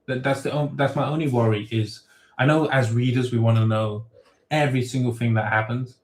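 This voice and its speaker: A man's voice: mid-range voice, steady tone, a little fast. Rambling man answering viewer questions. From grew up in England, born in Thailand. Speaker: web novel author hosting a Q&A. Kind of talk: casual livestream Q&A. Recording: roomy echo.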